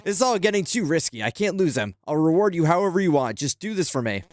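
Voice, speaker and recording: Brief: man reading out a frantic little scheming alchemist from a game, rushed and pleading, pitched a touch higher. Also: big pitch swings, darkish tone, dry recording.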